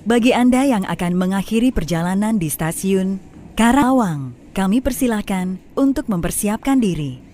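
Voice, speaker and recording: Woman's onboard train loudspeaker announcement. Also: mid-range voice, lively intonation, a little hiss or hum. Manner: measured, polite and evenly paced. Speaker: recorded station announcer. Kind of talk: formal scripted announcement.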